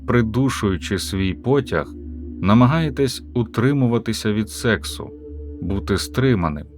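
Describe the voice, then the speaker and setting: A man narrating an audiobook of a philosophical talk, with a measured, questioning and emphatic delivery. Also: fairly low pitch.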